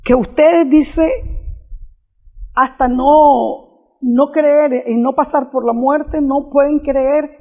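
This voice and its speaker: A man's voice: very high voice, steady tone, slow. A man preaching an unscripted reflection on scripture, earnest, often restarting and repeating his phrases. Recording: tinny phone-like audio.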